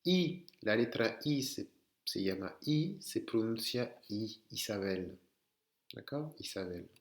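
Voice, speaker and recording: A French man teaching Spanish pronunciation letter by letter, slowly repeating words for his students to say back. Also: lowish voice, expressive, roomy sound. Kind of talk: online language lesson.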